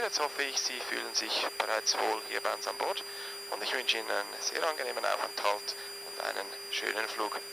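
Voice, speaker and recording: A man's voice: mid-range voice, gravelly. A man speaking as the airline captain, giving a formal welcoming cabin announcement from the cockpit through a headset, with small hesitations. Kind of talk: cabin announcement over the intercom. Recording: loud engine hum behind the voice. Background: constant aircraft engine and cockpit noise.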